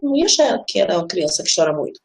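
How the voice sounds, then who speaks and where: A woman's voice: very animated, rapid-fire, creaky. A woman and mother giving a live online parenting class, explaining earnestly and conversationally and turning to the audience as she talks. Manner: earnest and explanatory, often addresses listeners as "gente"; drops into a soft, low, gentle voice when speaking as she would to her child.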